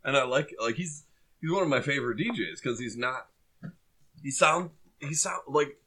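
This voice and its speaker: A man's voice: medium pitch, expressive, moderate pace, fairly bright tone, husky. Rambling man co-hosting a casual podcast. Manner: rambling, lots of 'like' fillers, swears casually. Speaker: podcast co-host. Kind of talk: casual chat.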